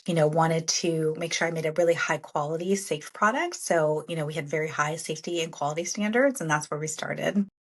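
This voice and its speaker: A middle-aged woman founder, a guest on an interview podcast, talking casually and fluently with many filler phrases. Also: on the low side. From United States, born in Sudan. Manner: upbeat and fluent, many "you know" fillers.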